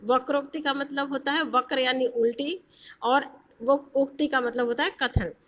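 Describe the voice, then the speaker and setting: A woman teacher explaining a lesson, posing questions to her students and pausing with fillers. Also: high-pitched, steady tone, fairly bright tone.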